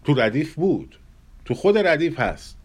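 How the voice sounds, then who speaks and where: A man giving a measured lecture on Persian classical music, pausing often and sometimes humming melodies to illustrate. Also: on the high side, very animated, husky. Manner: hums and scats melodies to illustrate; measured, thoughtful delivery with pauses.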